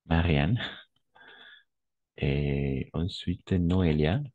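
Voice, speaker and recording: A man's voice: a bass voice, fairly even intonation, drawn-out words, phone-quality sound. A man teaching French in an online lesson, patiently repeating words and correcting pronunciation.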